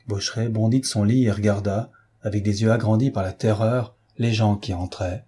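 A man reading a novel aloud as an audiobook, in measured, grave narration. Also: on the low side, steady tone, mellow, slightly rough. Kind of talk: scripted literary narration.

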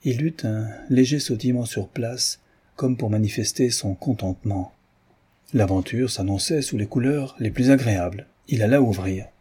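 Dark, husky male narrator. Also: medium pitch. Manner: measured, storytelling. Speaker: audiobook narrator. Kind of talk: scripted narration.

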